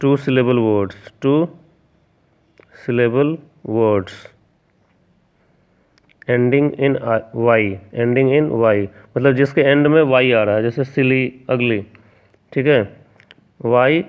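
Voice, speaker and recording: A male teacher walks through a grammar lesson at an unhurried pace, spelling words out letter by letter and asking the class rhetorical questions. His voice is smooth and clear, but it comes through thin and tinny, like a phone line. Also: medium pitch.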